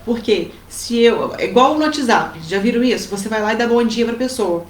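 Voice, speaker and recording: A woman with a Brazilian accent, co-hosting a casual advice chat and telling family stories in a lively way. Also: fairly high pitch, normal speed. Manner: lively storytelling with acted quotes. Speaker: co-host giving family advice. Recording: roomy with faint background noise.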